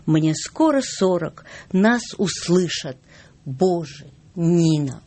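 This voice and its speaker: A woman's voice: lowish voice, expressive, takes it slowly, a little mellow. A woman guest on a radio show, chatting with dry jokes and reading a poem aloud.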